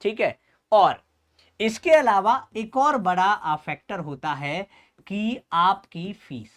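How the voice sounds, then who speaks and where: A man's voice: sits high, lively intonation, a bit bright. Male coaching teacher, chatty explanatory pace. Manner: keeps checking in with "okay", frequent "uh" pauses. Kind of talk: explanatory lecture to students.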